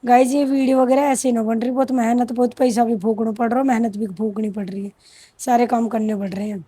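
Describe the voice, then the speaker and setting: A woman's voice: fairly high pitch, fairly even intonation, brisk, mellow, husky, dry recording. A young woman, chatting and joking with viewers in a vlog. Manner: teasing, joking running commentary. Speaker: vlogger. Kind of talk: casual vlog chat with viewers.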